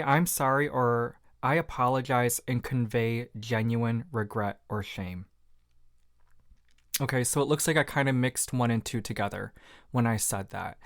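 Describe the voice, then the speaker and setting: A man's voice: medium pitch, no room sound, studio quality. A man hosting a solo podcast, talking in a reflective, candid, self-deprecating way with lots of fillers. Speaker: podcast host.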